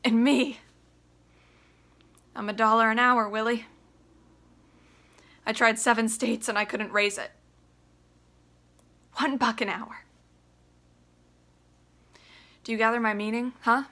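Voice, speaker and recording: A young woman acts out a bitter, desperate son in a stage drama monologue, confronting his father. The delivery is emphatic and confrontational, with a bright, forceful edge. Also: steady tone, moderate pace, long pauses. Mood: desperate, furious. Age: young adult. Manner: emphatic, confrontational, swinging from low to shouting. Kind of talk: theatrical audition monologue. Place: small plain room indoors.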